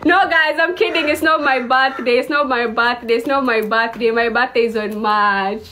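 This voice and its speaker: Young woman, from Kenya, live streamer, teasing and playful, high-pitched, faint hiss behind. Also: fairly even intonation, moderate pace, pushed and bright. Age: 20s. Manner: playful teasing, mixes English and Swahili. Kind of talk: casual live-stream chat with viewers.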